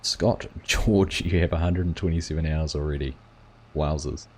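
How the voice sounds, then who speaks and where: A man with a steady bass voice hosts a gaming livestream at a moderate pace, chatting casually and rambling as he reads viewers' comments aloud and answers them.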